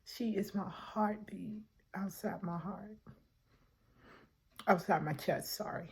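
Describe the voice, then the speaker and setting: A middle-aged woman tells a personal story to her viewers, animated and acting out the voices of people in it. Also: mid-range voice, slow pace, creaky, husky. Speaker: vlogger.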